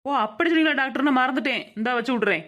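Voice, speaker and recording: Voice actor doing a scatterbrained village nurse, cartoon, Madurai Tamil accent, fast, blunt. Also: high voice, animated, a bit bright. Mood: flustered. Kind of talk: cartoon comedy dialogue.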